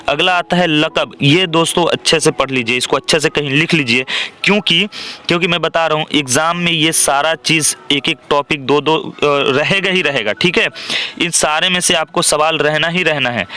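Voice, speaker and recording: Bright-voiced young man teaching grammar. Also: on the high side. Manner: explanatory, frequent "theek hai" check-ins. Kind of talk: exam-prep grammar lesson.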